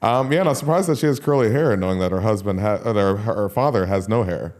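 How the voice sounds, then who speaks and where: A man with a fairly low voice hosts a casual podcast chat. He jokes freely and speaks halting Vietnamese, often slipping into English. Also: darkish tone. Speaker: podcast host.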